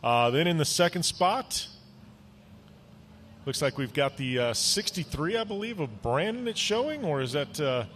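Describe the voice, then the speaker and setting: A man with a high, light voice calls an off-road race play by play. He gets excitable in close battles. Faint noise sits under his commentary. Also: normal speed. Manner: excitable, rises sharply during close racing.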